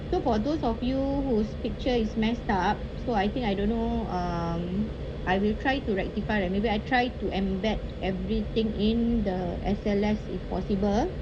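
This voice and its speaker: A muffled, noisy online-call recording of a woman teaching a class. She has a Malaysian accent and chats in colloquial Malaysian English slang, with a mid-range pitch and casual tag words. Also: moderate pace.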